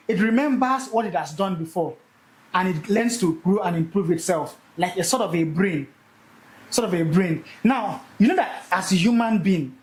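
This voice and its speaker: A young man teaching a live session, animated and repeating key words for emphasis. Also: high-pitched, roomy sound, poor audio. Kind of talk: energetic classroom teaching.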